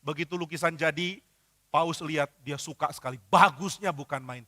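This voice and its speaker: A male pastor preaching a sermon in an animated storytelling way, slipping into character voices. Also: on the high side, moderate pace, big-room sound. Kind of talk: sermon with acted-out stories.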